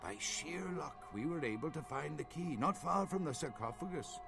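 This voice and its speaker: An anxious, indignant archaeologist held captive. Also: male voice, on the high side, lively intonation, moderate pace, vocal fry, over music. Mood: lecturing. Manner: indignant, then lecturing and scholarly. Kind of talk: video game voice acting.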